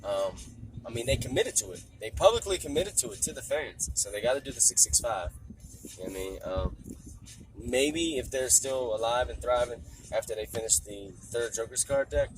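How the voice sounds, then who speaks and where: A man with a smoker's rasp hosting a casual solo podcast in an informal, rambling, slangy way, with music behind him. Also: medium pitch, noisy background. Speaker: podcast host. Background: music playing in the background.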